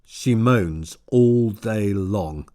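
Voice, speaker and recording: A man's voice: lowish voice, drawn-out words, dark tone, no room sound, clean studio sound. A man voicing a rude, blunt middle-aged laborer in an audiobook. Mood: gruff. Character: gruff, rude middle-aged male plantation worker.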